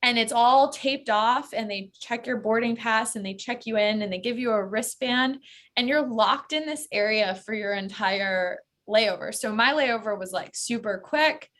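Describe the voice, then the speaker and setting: A woman's voice: on the high side, moderate pace, a bit bright. An American woman, a travel expert, chatting as a guest in a casual interview, full of fillers like "like" and "um". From United States.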